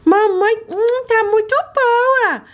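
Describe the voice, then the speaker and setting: A woman's voice: very high voice, slow, muffled recording, pitched above the performer's own voice. A woman voicing a sweet, eager little girl doll.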